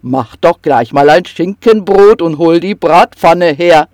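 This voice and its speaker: A storyteller voicing a big fat male troll who roars with laughter and booms. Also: slow pace, darkish tone, dry recording, studio quality. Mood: booming jolly. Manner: booming, guffawing.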